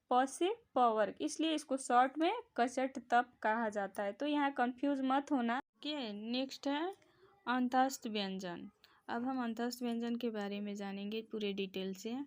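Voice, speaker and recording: A woman teaching a grammar lesson, patiently repeating each sound aloud for the learner to copy. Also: high-pitched. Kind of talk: classroom-style grammar lesson.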